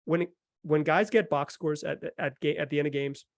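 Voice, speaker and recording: A man with a fairly high voice talks at a normal speed, with no room sound audible. He hosts a sports podcast, chatting informally close to the mic and repeating phrases for emphasis in casual sports talk and analysis.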